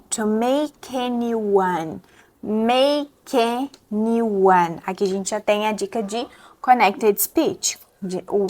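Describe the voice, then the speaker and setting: A young adult woman with a Brazilian Portuguese accent, teaching English pronunciation step by step and repeating words slowly to model them. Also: mid-range voice. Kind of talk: pronunciation lesson.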